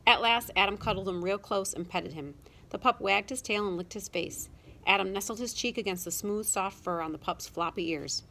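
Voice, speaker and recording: A woman narrating a children's storybook with a lively, expressive reading. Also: mid-range voice, normal speed. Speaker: audiobook narrator.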